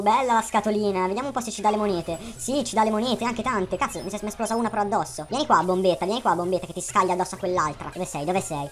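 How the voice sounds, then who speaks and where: A man's voice as a sped-up chipmunk alter ego. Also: high voice. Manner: excitable, swears a lot, talks to viewers. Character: hyper sped-up male alter ego possessing the player. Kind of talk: gameplay commentary.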